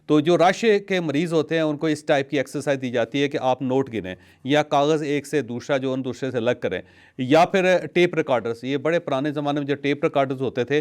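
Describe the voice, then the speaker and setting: A man with a somewhat high voice, hosting a talk in an unhurried storytelling manner. He explains things step by step, pausing now and then to find the word. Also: darkish tone. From Pakistan. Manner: storytelling, measured, with hesitations. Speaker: host. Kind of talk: casual health talk.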